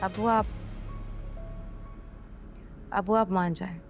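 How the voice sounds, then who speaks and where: Defiant young daughter, Pakistani accent, gravelly, flat. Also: female voice, mid-range voice, very slow, faint music behind. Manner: defiant, insistent. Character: headstrong young daughter defying her father.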